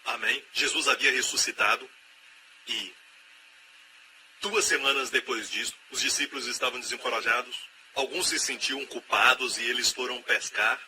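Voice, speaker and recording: A man with a Brazilian Portuguese accent, giving the voice-over of a sermon with emphatic preaching and loud repeated exhortations. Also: medium pitch, moderate pace. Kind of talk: dubbed sermon. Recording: steady background noise.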